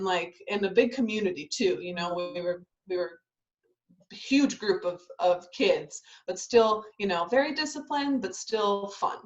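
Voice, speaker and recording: On a muffled-sounding video call with the highs cut off, a young ballet dancer speaks in a mid-range voice. Born in Italy and raised in Southern California, she gives a casual interview full of ums and restarts.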